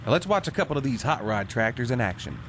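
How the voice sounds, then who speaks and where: A man's voice: medium pitch, sing-song, fast, very noisy. A man narrating an event video in a scripted commentary style.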